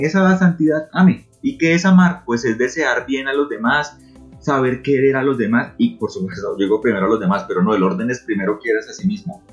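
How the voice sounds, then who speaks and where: A man speaking as an interview guest, talking earnestly and emotionally about faith and prayer, often repeating words for emphasis. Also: medium pitch. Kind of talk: reflective talk on faith and prayer. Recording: muffled recording with faint music. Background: faint music.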